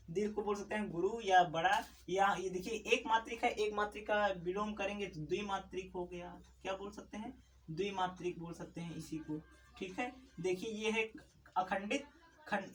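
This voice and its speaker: A male Hindi grammar teacher giving a classroom lesson. He asks a question, answers it himself and repeats the key words, and slows down to stress definitions. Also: sits high. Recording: voice a bit distant from the mic, faint background noise.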